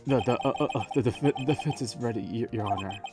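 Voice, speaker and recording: A man's voice: mid-range voice, normal speed, recorded from a distance, natural voice. A man voicing a nervous, stammering rookie defense lawyer for a video game, in exaggerated amateur bad acting. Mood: nervous, flustered. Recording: loud music under voice.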